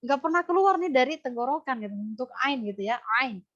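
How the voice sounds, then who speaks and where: Animated and fast-talking, this woman has a high, fairly bright voice and an Indonesian accent. She teaches Quran recitation live, answering student questions and modeling how sounds are pronounced, on dull, lo-fi online audio.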